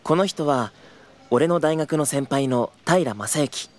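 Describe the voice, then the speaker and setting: Speaking slowly at a fairly high pitch, with faint music behind him, a twenty-something man voices the earnest trainee tour guide who narrates and leads an audio drama, answering politely though a little flustered.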